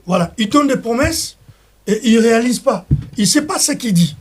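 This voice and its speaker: A man's voice: very high-pitched, animated, normal speed, husky. A man from Congo with a Congolese French accent, speaking as a political guest in an interview. He talks in an impassioned way, with stumbling restarts and repetitions, and mixes in Lingala phrases. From Democratic Republic of the Congo.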